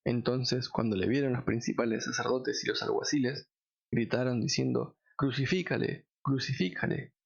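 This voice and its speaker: A man reading scripture aloud in a measured, solemn way. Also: medium pitch, level tone, vocal fry, dull audio. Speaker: Bible reader.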